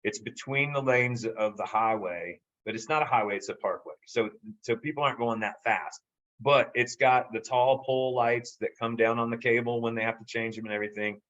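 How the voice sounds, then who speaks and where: A man's voice: mid-range voice, a little fast. A man, telling a long casual story and acting out the lines of the people in it. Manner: animated, acts out quoted dialogue. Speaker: guest storyteller. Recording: slightly dull lo-fi audio.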